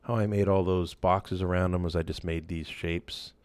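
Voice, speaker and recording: A man walking through a software tool in a casual screen-share tutorial, loose and relaxed, with many fillers and restarts. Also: low-pitched, moderate pace, smooth, no echo. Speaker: instructor.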